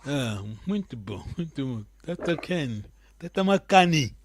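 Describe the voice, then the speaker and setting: A man's voice: fairly high pitch, big pitch swings, measured pace, a little hiss or hum. A man whose first language is Kikongo, teaching an online language lesson and patiently explaining words one by one with frequent check-in questions.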